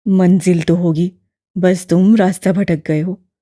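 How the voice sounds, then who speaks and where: An elderly male imam, kind and unhurried, voiced by a woman reading an audiobook. He speaks in a steady, fatherly tone, low and dark with a husky edge, and sits close and dry on the mic. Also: dry recording. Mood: gentle. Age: older. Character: kindly elderly male mosque imam, calm and patient.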